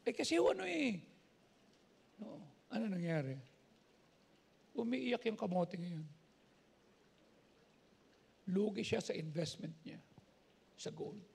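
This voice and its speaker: Man, Filipino accent, pastor, sermon, high husky voice, long church reverb. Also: expressive, takes it slowly, long pauses, darkish tone. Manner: preaches in mixed Tagalog and English, repeats "okay?". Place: church sanctuary.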